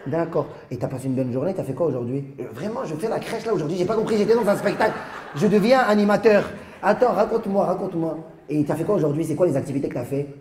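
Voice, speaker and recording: A man's voice: fairly high pitch, animated, fast talker, a little mellow. Teasing male stand-up comic, roomy hall. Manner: teasing, chuckling through lines. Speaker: stand-up comedian. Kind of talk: live crowd-work banter. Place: comedy stage before a live audience. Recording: roomy live hall with crowd noise.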